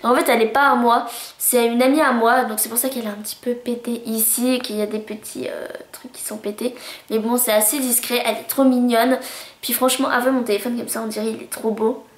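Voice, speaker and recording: A woman's voice: on the high side, steady tone, fast talker. Chatty bubbly woman in an echoey room. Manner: chatty and bubbly, gushing with cutesy words. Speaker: beauty vlogger. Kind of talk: casual monthly favourites vlog. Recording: roomy echo.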